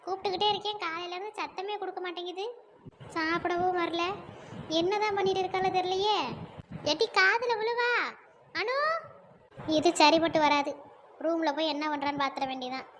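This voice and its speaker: A woman's voice: extremely high pitch, a little fast, long pauses, a bit bright, slight background noise. A woman voicing a stern, scolding village mother in a cartoon who nags and threatens her daughter. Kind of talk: cartoon dub acting.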